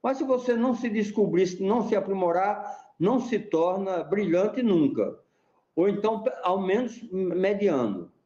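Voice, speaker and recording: Middle-aged man, fairly high mellow voice, teacherly and chatty, echoey dull-sounding room. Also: expressive, unhurried. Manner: didactic, chatty, asks rhetorical "né?". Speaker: repentista and teacher, interview guest. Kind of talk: explanatory interview talk.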